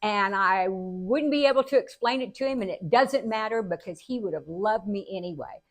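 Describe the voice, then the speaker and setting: A woman's voice: medium pitch, moderate pace. A woman vlogging, telling family stories to camera in a chatty, earnest way and laughing often. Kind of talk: casual storytelling to camera.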